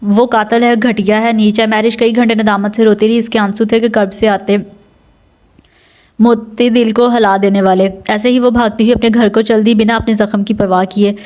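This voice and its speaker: Flat, high-voiced woman narrator. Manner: steady storytelling. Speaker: audio novel narrator. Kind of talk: scripted audiobook narration.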